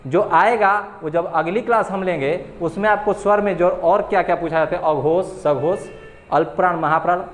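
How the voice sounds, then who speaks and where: Young male tutor, slightly high voice, patient and repetitive, exam-prep lecture delivery. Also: roomy sound. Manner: patient, repeats key terms slowly, asks and answers own questions. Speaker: teacher. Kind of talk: exam-prep Hindi grammar lesson.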